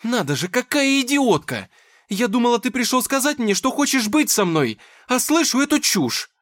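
A man voicing a heartbroken, furious young woman who shouts in a shrill, high voice. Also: big pitch swings, moderate pace, no echo, clean studio sound, full character voice. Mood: furious shouting.

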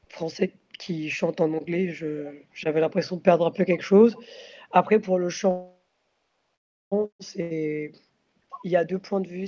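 A woman, a band's singer, answering interview questions thoughtfully and pausing often with fillers to find her words. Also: sits low, warm tone, highs cut off, slight background noise. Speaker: singer of a post-metal band.

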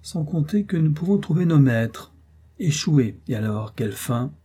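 Male reader voicing a glib, scheming doctor with feigned candor, low dark husky tone. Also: expressive, moderate pace. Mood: brooding. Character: scheming smooth-talking older male doctor. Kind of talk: audiobook character voice.

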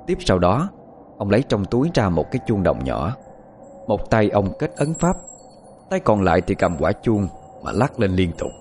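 Male horror narrator, low, animated, suspenseful. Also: normal speed, slight background noise. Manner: expressive, suspenseful. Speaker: storyteller.

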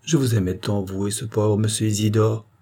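A man's voice: fairly low pitch, fairly even intonation, moderate pace, mellow, close to an everyday voice. A man voicing a kindly, fussing old male farm gamekeeper, talking in an eager, emphatic way.

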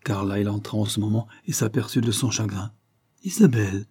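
A man narrating a novel in a measured, even storytelling manner. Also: fairly low pitch, breathy edge. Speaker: audiobook narrator.

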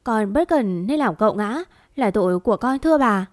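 A woman's voice: on the high side, expressive, normal speed, dry recording, close to an everyday voice. A woman narrating a storybook and voicing a frightened young woman servant who pleads with urgency. Her voice stays close to her own reading voice.

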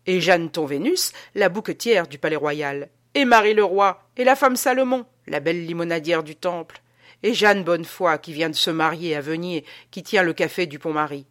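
A woman's voice: lowish voice, normal speed, close to an everyday voice. A woman voicing a drunken, exalted man who bellows and sings at a dinner party in an audiobook reading. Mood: forceful. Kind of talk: audiobook character voice.

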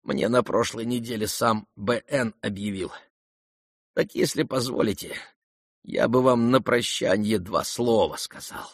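A man voicing a dying young man, hoarse and weak, speaking quietly and tiredly with faint irony, in an audiobook reading. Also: on the low side, measured pace, no room sound, clean studio sound. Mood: weary. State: hoarse, near whisper.

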